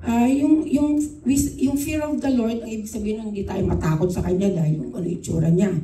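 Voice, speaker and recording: A Filipino woman giving a church devotion, mixing Tagalog and English, unhurried, with frequent restarts. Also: a little high, steady tone, warm tone, faint music behind. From Philippines. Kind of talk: devotional talk with a personal story. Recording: echoey room, speaker far from the mic.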